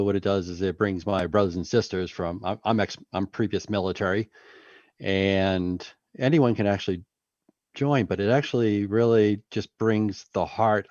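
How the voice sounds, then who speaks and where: A man with a fairly low voice speaking plainly and sincerely on a panel, restarting now and then. The sound is dry and muffled, like an online call. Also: a little mellow, no room sound.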